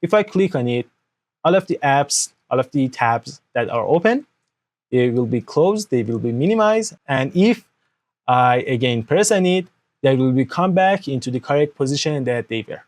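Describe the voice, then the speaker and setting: Speaking at normal speed with medium pitch and lively intonation, a young man whose native language is Persian records a software tutorial at his indoor desk. He explains each step into an external microphone, regularly asks "okay?", and uses non-native grammar.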